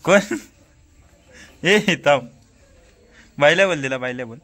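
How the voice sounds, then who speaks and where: A man's voice: fairly high pitch, lively intonation, unhurried, sharp tone. A man with a Marathi accent filming a vlog, coaxing and teasing a small child in casual chat and repeating his prompts.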